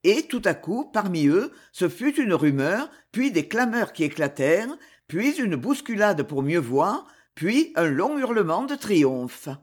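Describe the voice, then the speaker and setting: An audiobook narrator reading a dramatic novel with expressive storytelling. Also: mid-range voice, measured pace, slightly rough.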